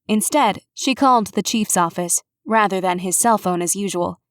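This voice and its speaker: A woman reading a mystery audiobook aloud in a measured, even storytelling manner. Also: mid-range voice, dry recording. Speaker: audiobook narrator. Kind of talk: scripted narration.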